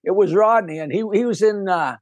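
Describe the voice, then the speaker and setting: An older male comedian with a fairly high-pitched voice tells stories in a loose, rambling way, laughing and restarting mid-sentence. He is recorded close and dry, with no room sound. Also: fairly quick, no echo. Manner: lively, rambling storyteller who breaks off and restarts with a laugh. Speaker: guest comedian. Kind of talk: casual storytelling interview.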